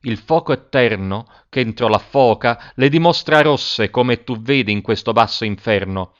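A man's voice: medium pitch, moderate pace, close to an everyday voice. A man reading as Virgil, a solemn old guide. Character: Virgil, calm wise old guide, male spirit. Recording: dull lo-fi recording.

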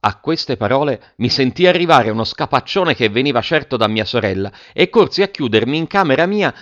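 A man narrating a storybook in a steady, even-toned first-person telling, his pitch sitting in an ordinary middle range. The recording is a little muffled and lo-fi. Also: a little fast. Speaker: audiobook reader.

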